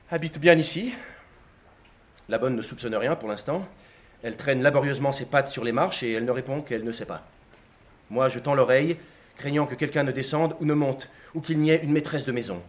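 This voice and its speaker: Theatrical male reader of literary prose. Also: medium pitch. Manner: expressive, theatrical, shifting from hushed to excited. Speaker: narrator. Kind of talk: dramatic reading of a literary text.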